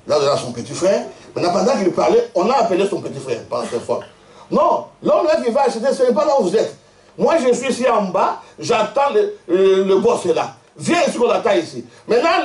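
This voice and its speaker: Animated pastor in an echoey church. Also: male voice, high-pitched. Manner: animated storytelling, laughing often, quizzing the congregation. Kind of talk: lively sermon. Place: church hall. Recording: echoey church hall, mic at a distance.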